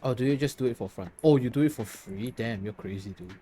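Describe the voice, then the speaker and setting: A man's voice: mid-range voice, fast, mellow. Tired, chatty male game streamer. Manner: chatty, laughs often, reads chat aloud. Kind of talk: casual chat while gaming.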